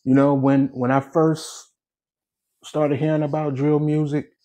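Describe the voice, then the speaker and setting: A man on a podcast telling a relaxed, self-mocking story. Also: a little high, a little slow. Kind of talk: casual storytelling.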